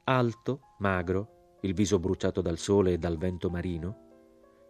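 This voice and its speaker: A man reading a literary novel aloud as an audiobook, in a measured, steady way. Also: sits low. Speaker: audiobook narrator. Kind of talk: scripted literary narration.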